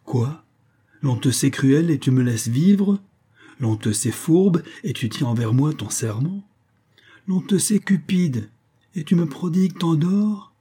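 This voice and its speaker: Young male poet, bold and cunning, impassioned pleas, dark husky tone; a man reads the part. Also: fairly high pitch, animated, slow, pitched above the performer's own voice, heavily acted. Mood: defiant. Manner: impassioned and defiant pleading. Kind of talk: audiobook reading.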